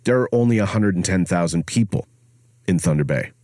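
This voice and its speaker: A man hosting and narrating a documentary podcast in a grave, measured tone, recorded on a studio mic. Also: low voice, darkish tone, no room sound.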